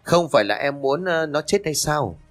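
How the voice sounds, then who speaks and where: A man's voice: fairly high pitch, lively intonation, normal speed, faint music behind, pitched above the performer's own voice, lightly acted. A man voicing a callous, greedy lover who talks glibly and cockily in a spoken ghost story. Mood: cocky. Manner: glib, cocky.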